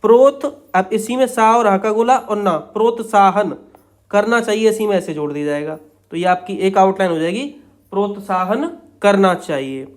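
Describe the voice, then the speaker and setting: A man's voice: high voice, normal speed. A young man teaching shorthand, explaining each outline step by step in a patient, repetitive way. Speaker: stenography teacher.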